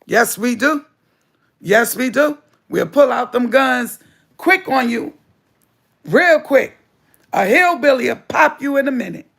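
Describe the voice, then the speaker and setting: A woman's voice: high voice, animated, measured pace, gravelly, pauses often, fairly bright tone, slightly rough. A woman, hosting a spiritual livestream monologue in an emphatic, preachy way and repeating lines for stress. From United States. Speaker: livestream host.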